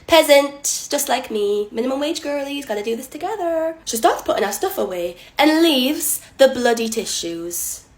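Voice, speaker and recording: Animated woman telling a story. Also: normal speed, hardly any pauses. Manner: animated, sarcastic, swings between loud bursts and low asides. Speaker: shop cashier. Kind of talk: storytime monologue.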